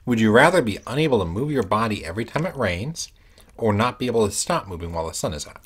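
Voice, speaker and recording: A man's voice: lowish voice, big pitch swings, fast, breathy edge. A man joining his wife's eating show, answering questions in a dry, teasing way. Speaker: host's husband. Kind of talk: casual chat while eating.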